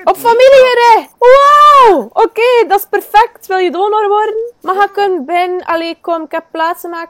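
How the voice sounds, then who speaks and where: A young Flemish woman giving casual gameplay commentary, swinging from low muttering to excited squeals. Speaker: gaming YouTuber.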